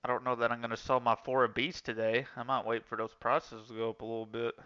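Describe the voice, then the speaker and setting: Casual streamer man, bright, high-ish voice, rambling chat, lo-fi mic. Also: little pitch movement, fast, smooth. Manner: rambling storytelling, many restarts and fillers.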